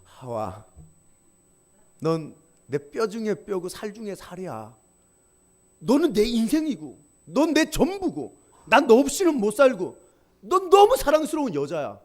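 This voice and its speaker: A preacher putting on the voice of the first man from scripture, a young husband acted out with theatrical emotion inside a sermon. The voice sits high and swings widely in pitch. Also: huge pitch swings, unhurried, a little mellow, exaggerated voice. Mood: tender.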